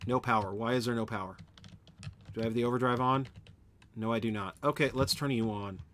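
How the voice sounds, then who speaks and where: A man live-streams a factory-building game, rambling as he builds and chatting casually with viewers. His mid-range voice is a bit bright and fairly quick, with slight background noise.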